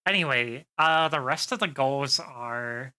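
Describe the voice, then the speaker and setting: Bright-voiced woman streamer, casual and profane. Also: a bass voice, measured pace, clear, resonant tone. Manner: rambling, swears freely, frequent fillers. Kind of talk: casual live-stream chat.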